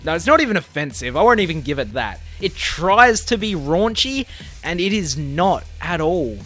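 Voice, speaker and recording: A young man with an Australian accent rants through a casual review, his voice sitting a little high. He sounds exasperated and sarcastic and swears freely. Faint music plays behind him. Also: very animated, normal speed, sharp tone. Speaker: movie reviewer.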